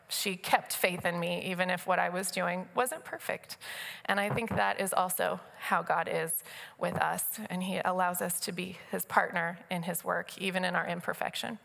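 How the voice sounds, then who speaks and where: Bright, creaky-voiced woman in a reverberant hall. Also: medium pitch. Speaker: church volunteer team speaker. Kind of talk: church testimony and appeal to a congregation. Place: church sanctuary, speaking to congregation.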